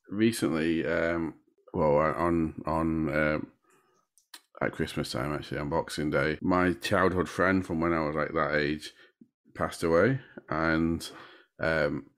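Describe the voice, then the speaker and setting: A man co-hosting a podcast, chatting in a halting, rambling way. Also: a bass voice, fairly bright tone. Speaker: podcast co-host. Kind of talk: casual chat.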